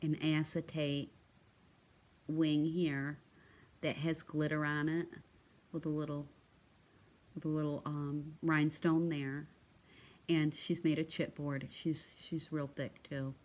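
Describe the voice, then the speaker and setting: Deep, flat, and slow, with long pauses and a darkish tone, this woman presents her craft supplies in a casual vlog. As a crafting vlogger she's chatty and effusive, though she says um a lot and keeps restarting.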